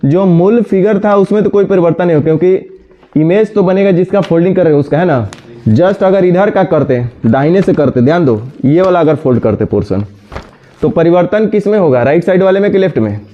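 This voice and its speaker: Scolding teacher. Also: male voice, sits high, animated. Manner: scolding, brisk, addresses students directly. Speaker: reasoning teacher. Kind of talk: classroom lecture. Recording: dull lo-fi sound.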